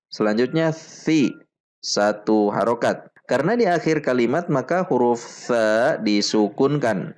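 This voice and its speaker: Slow, clear-voiced male tajwid teacher. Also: darkish tone. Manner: slow, deliberate, repeats each syllable for drill; chants the Arabic verses in a higher, fuller voice. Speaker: Quran recitation teacher. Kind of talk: slow step-by-step tajwid lesson.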